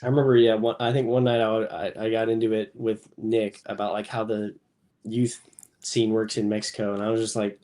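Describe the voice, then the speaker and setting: A man's voice: fairly low pitch, little pitch movement, fairly quick, mellow. A young man from the United States, a podcast guest who jokes, laughs easily and uses slang. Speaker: podcast guest, dodgeball player. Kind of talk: casual chat.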